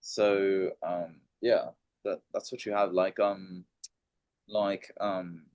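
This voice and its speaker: A man with a fairly low voice talks philosophy in a relaxed podcast chat. He hesitates often, filling gaps with ums and restarting phrases as he works out his thoughts. The sound is dry and close, with almost no room echo. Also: slow. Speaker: podcast co-host. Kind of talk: casual philosophical discussion.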